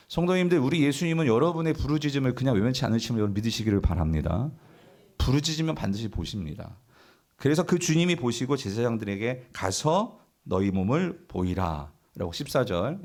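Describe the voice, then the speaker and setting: Lively-voiced male pastor preaching. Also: medium pitch. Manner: asks the congregation questions and answers them; acts out imagined grumbling voices of the people in the story. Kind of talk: sermon.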